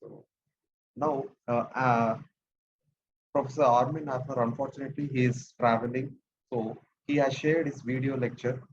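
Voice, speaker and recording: A man's voice: medium pitch, steady tone, moderate pace. Polite Indian-accented male moderator, dull audio. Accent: Indian English. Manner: polite, reads speaker introductions. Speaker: workshop moderator. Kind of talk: moderating an online session. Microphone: computer mic on a video call. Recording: dull lo-fi call audio with faint noise.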